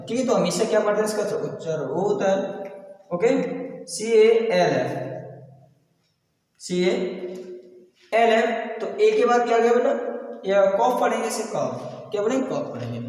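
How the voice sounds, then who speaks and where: A man with an Indian accent teaches English pronunciation, speaking mostly Hindi mixed with English words. His voice sits fairly high, and it rings through a very echoey room with a long reverb tail. He keeps repeating each point as a question to his students. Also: a little mellow. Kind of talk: classroom lesson video.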